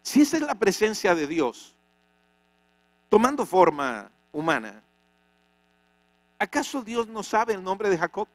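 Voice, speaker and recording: A pastor preaching a sermon, dramatic, with many rhetorical questions. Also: male voice, sits high, big pitch swings, measured pace, long pauses, no room sound. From Venezuela. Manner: dramatic, rhetorical questions, acts out quoted voices. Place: church.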